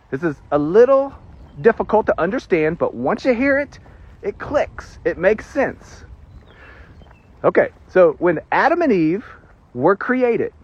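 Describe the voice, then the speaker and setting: Animated, husky male preacher. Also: sits high. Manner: animated, joking asides, emphatic pauses. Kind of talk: casual sermon teaching. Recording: dull lo-fi sound.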